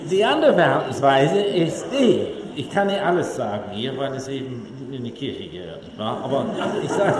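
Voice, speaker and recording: A man giving a public lecture to an audience, telling humorous anecdotes in an animated way. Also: fairly high pitch. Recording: echoey hall, faint room ambience.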